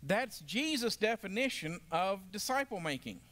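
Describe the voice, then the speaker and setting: A man's voice: high voice, sing-song, moderate pace, bright, forceful tone. A man teaching a Bible lesson to a class, emphatic and asking the group questions.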